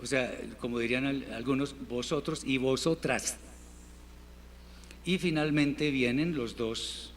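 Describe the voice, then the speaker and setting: A man teaching a Hebrew class in Spanish, patiently repeating words slowly for his students. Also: mid-range voice, steady tone. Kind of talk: classroom language lesson. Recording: reverberant hall, faint room noise.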